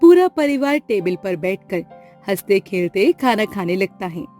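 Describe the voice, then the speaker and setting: A woman narrating an animated family story in a steady, plain storytelling way. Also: mid-range voice, unhurried, faint music behind.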